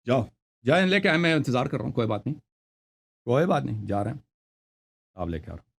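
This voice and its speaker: A man's voice: mid-range voice, sing-song, creaky, slightly rough. A man hosting a heated call-in debate, insistent and repeating his demands while talking over the caller. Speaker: host.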